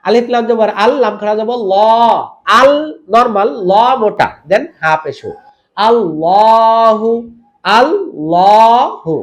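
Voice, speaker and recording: A man teaching Quran recitation in a tajweed lesson. He drills syllables, asks the viewer quick questions and draws out recited words slowly. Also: sits high, fairly bright tone. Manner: repeats drills, quizzes the viewer.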